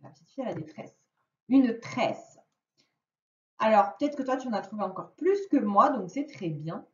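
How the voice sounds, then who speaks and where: A woman teacher giving a recorded phonics lesson to young children, sounding out each word slowly and clearly. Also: on the high side, expressive, far from the mic. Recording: dull, roomy audio with the speaker off-mic.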